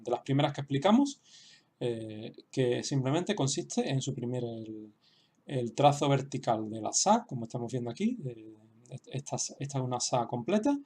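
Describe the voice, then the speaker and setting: A man explaining a writing lesson slowly, with frequent fillers and restarts. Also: mid-range voice, a little mellow, husky. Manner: hesitant, many restarts and fillers; slow, explanatory. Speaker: language teacher. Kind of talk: online lesson.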